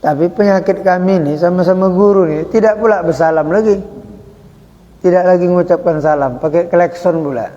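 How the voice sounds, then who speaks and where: A man over forty giving an informal religious study talk, chatty and joking, acting out greetings slowly. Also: sits high, dark tone. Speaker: religious teacher. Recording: dull echoey hall.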